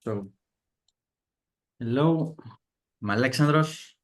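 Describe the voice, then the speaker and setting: Young male student from the Balkans with a Balkan accent, unhurried and hesitant, mid-pitched everyday voice. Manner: hesitant, many fillers, laughs at himself. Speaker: student ambassador. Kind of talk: casual testimony on a video call.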